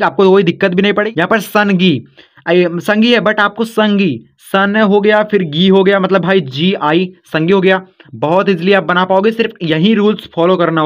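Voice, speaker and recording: A high-voiced man walks beginners through spelling one letter at a time, slow and patient, now and then calling them kids or brother. The recording sounds dull and lo-fi. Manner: slow, step-by-step explaining, calls listeners kids and brother. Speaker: teacher.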